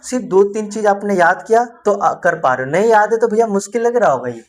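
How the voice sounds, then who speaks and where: A man's voice: high voice, lively intonation, a little fast. A man teaching a beginners' spelling lesson, encouraging his students and asking questions that he answers himself. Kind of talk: spoken lesson.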